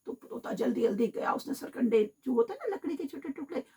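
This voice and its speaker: A teacher telling a children's story on the radio, talking straight to the children in an animated way. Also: female voice, high voice, fast talker, husky. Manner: animated, addresses children directly. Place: radio studio.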